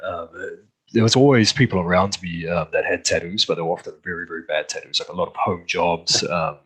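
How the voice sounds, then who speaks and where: A man's voice: low voice, fairly quick, husky, rough recording. A man with a New Zealand accent, a guest talking easily on a video call with frequent ums. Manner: easygoing, relaxed, with frequent ums. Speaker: guest tattoo artist. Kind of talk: casual video-call interview.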